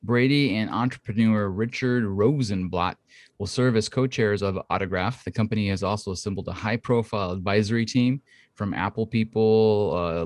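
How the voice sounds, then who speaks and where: Here a man who considers his own voice high-pitched rambles through long, filler-heavy explanations as a casual podcast co-host. He uses a studio condenser mic at home, and the result sounds a little mellow, with no echo and studio quality.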